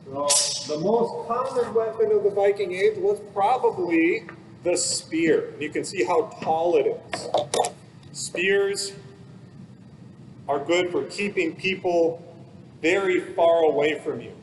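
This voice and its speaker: A man with a high-pitched voice speaks slowly, giving an informal explanatory talk for children like a museum expert. He keeps it casual and plain-worded, with everyday comparisons. The recording is low quality, with a little hiss or hum.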